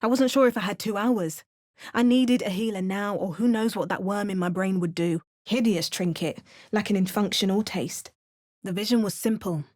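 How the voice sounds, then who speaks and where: This woman's voice is medium in pitch, somewhat dark in tone, and lightly acted, moving at a moderate pace. As the game's player character, she plays a resolute female adventurer, narrating with wry, understated dryness.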